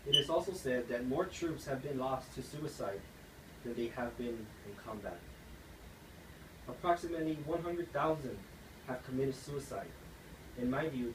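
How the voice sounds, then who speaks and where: Earnest young man giving a speech. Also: medium pitch. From United States. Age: young adult. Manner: earnest, read-aloud delivery. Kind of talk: persuasive speech. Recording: echoey room, distant mic, noisy.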